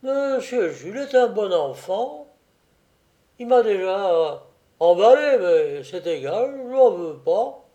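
A petty crook caught at his door, jumpy and pleading, as a male narrator puts him on, pitched well above the reader's own voice. He talks loudly and eagerly, keen to show he has nothing to hide. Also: very animated, slow, exaggerated voice. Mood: relieved. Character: frightened petty criminal man, then relieved.

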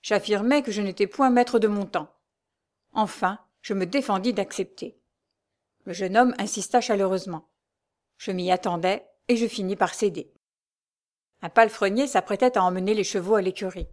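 A woman reads a classic novel aloud as its narrator. Her delivery is measured and even, paced for storytelling. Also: mid-range voice. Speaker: audiobook reader.

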